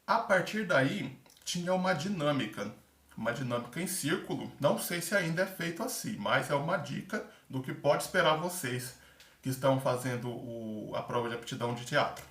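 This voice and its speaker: Here a man with a fairly bright, somewhat high voice talks at a normal speed, expressive throughout. Having been a theater-course candidate himself, he offers casual vlog tips on the aptitude test, full of fillers and acted-out examples. Echo fills the room, and the mic is some distance away.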